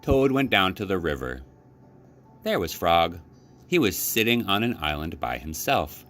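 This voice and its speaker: A man reading a children's storybook aloud as a library storyteller, with expressive, deliberate phrasing. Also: low voice, faint music behind.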